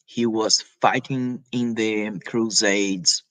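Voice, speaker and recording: The Brazilian speaker's lowish, steady voice has a bit of brightness as he presents a spiritual talk. It's halting and informal, full of restarts and tag questions, with an occasional cough.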